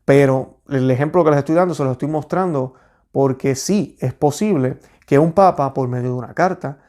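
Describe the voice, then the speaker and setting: A man reading a history text aloud in a measured, steady way, then explaining it to his viewers. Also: mid-range voice. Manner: steady, measured reading with small restarts on words.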